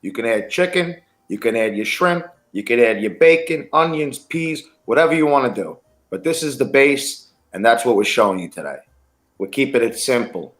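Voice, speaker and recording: A man's voice: mid-range voice, expressive, moderate pace, fairly bright tone. A man with a Brooklyn Italian-American accent, teaching a dish on a live cooking show in a blunt, plain-spoken way. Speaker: cooking instructor.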